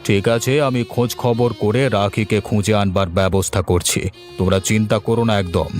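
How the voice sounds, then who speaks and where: Man acting a low-voiced, sensible village gentleman. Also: brisk, soft background music, close to an everyday voice. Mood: earnest, reassuring. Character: sensible, caring older-brotherly village gentleman. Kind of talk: melodramatic Bengali audio-story acting.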